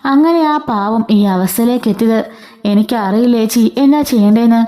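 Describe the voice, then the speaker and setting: A woman's voice: fairly high pitch, normal speed, warm tone, close to an everyday voice. A woman voicing a distressed young daughter who pleads for her ailing father. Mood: pleading. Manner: pleading, upset.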